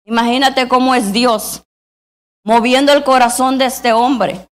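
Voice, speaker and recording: A woman's voice: on the high side, steady tone, a little slow. A woman preaching a sermon, reading scripture aloud and constantly calling her listeners brothers. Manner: reads scripture aloud then exhorts.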